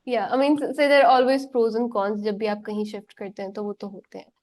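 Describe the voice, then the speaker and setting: A Pakistani-accented woman hosting an interview while unwell, with a thin, squeaky voice, switching between English and Urdu. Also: very fast, darkish tone. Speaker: podcast host.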